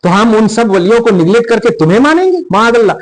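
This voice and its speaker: With a high voice, big pitch swings and a quick pace, a man gives religious instruction on prayer in a podcast conversation. As an Islamic scholar, he's emphatic and checks the listener's understanding throughout; the recording is rough.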